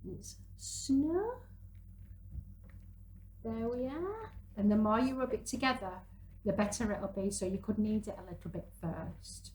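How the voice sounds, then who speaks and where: A woman in her thirties, medium-pitched and a little mellow, uses lively intonation but speaks a little slowly with long pauses as she casually guides parents and young children through a hands-on craft, working as she talks. The audio is poor, with slight background noise.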